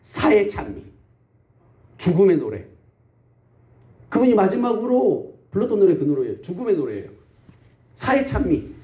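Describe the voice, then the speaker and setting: A man's voice: high-pitched, sing-song, moderate pace, long pauses, warm tone. A male pastor preaching a Sunday sermon in a country church, asking the congregation questions and answering them himself, and acting out everyday complaints. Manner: acts out everyday complaints in quotes.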